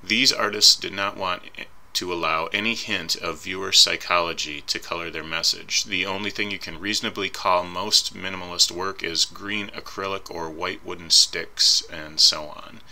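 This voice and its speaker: A man's voice: low-pitched, fairly even intonation, moderate pace, gravelly, hardly any pauses, sharp tone. A man giving a recorded slide lecture as an instructor, talking informally and correcting himself as he goes. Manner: informal, thinking aloud with fillers and self-corrections. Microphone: voice-over on slides.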